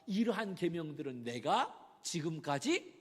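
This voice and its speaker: A male pastor preaching a sermon dramatically, swinging between loud emphasis and whispers. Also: fairly high pitch, sing-song, unhurried, big-room sound.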